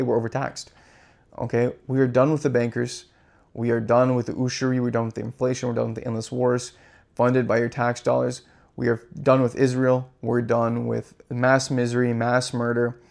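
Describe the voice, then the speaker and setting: A man's voice: medium pitch, level tone, a little fast, creaky, darkish tone. A man hosting his own channel, delivering an impassioned, profane and repetitive rant. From United States. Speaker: crypto channel host. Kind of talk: impassioned monologue.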